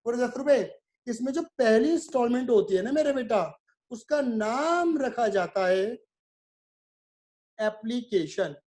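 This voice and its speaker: A man's voice: very high voice, lively intonation, measured pace, darkish tone. A male commerce teacher giving a video lecture. He talks in a repetitive, drilling way, asks his students questions, answers them himself and calls them "my son".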